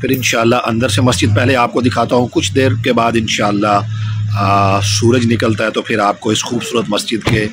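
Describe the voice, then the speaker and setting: A man's voice: medium pitch, level tone, moderate pace. Man, 30s, travel vlogger, eager mosque tour talk, phone camera at arm's length, constant background noise. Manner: enthusiastic, devotional phrases. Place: car at night, then outside a mosque.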